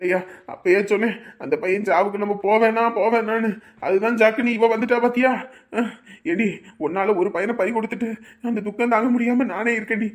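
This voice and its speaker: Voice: medium pitch, steady tone, a little fast, close to an everyday voice. A voice actor plays an enraged, grieving elderly father-in-law. He barks scolding insults in a raised, harsh village voice. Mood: furious. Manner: shouting, scolding.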